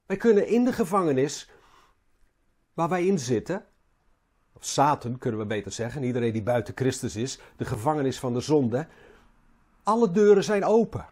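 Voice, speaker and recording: Husky, mellow preacher. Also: male voice, mid-range voice, sing-song. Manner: halting, repeats words, rises and falls in emphasis. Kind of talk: sermon.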